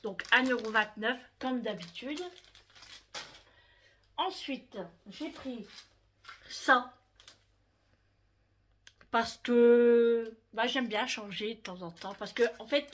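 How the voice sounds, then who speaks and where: Chatty and direct with her audience, a woman from France presents her shopping haul in a slightly high, somewhat bright voice, frequently tacking "hein" onto what she says.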